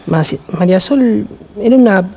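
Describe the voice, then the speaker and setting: A man speaking as a guest on a TV interview, reflective and halting, with many restarts and pauses. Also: sits high, expressive, creaky, warm tone, husky.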